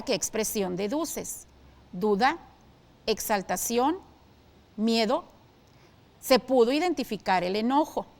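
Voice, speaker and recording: A woman teaching a televised school lesson, explaining clearly and steadily and asking her students questions. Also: on the high side.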